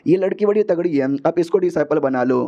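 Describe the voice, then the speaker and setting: A man's voice: fairly high pitch, fairly quick, highs cut off, lightly acted. A man doing a pleading young cultivator hero. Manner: begging, apologetic chatter.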